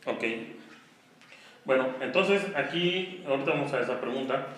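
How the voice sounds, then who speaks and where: A man's voice: medium pitch, moderate pace, a bit bright. A man with a Mexican Spanish accent giving an online grammar lesson, explaining step by step and often checking in with the class. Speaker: teacher. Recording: very echoey room, faint noise.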